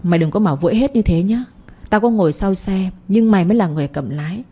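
A woman's voice: mid-range voice, animated, fast talker, mellow, breathy edge. A woman voicing an angry young village man who threatens the man he blames for his father's death. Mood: threatening. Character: grieving vengeful young village man Lập.

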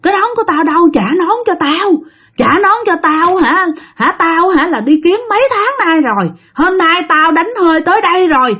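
Woman doing a frantic teen girl ghost, high, wailing, swings wildly in pitch. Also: very animated, fast talker, fairly bright tone. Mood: angry. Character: ghost of a sixteen-year-old girl.

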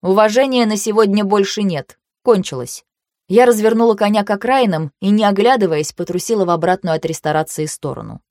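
A woman narrating a fantasy audiobook in the first person, with a measured, even storytelling manner. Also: medium pitch, dry recording, clean studio sound.

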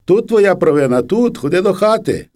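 A man's voice: sits high, big pitch swings, moderate pace, pitched above the performer's own voice. A man voicing a stern village mother. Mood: urgent. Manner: sharp, commanding. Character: stern village mother, middle-aged woman.

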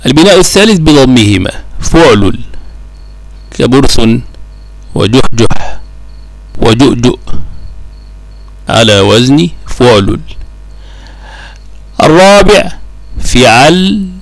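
Slow, gravelly male grammar teacher. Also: medium pitch, big pitch swings, dry recording. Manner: slow, measured, drawing out example words one by one. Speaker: teacher of Arabic morphology. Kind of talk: classical Arabic grammar lesson.

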